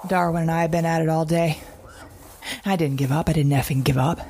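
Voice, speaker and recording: A low, warm, near-everyday voice with fairly even intonation speaks briskly, with a little hiss or hum. The actress portrays an anxious, defiant mother surviving a wild world in a journal-style audio drama monologue, fretful, self-questioning and fragmented, repeating herself.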